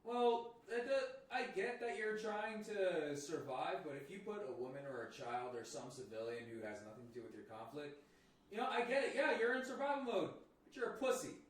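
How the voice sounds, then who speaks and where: A man's voice: sits high, sing-song, moderate pace. A man co-hosting a casual podcast chat, profane and laid-back, laughing easily. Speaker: podcast co-host. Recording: echoey room, mic at a distance.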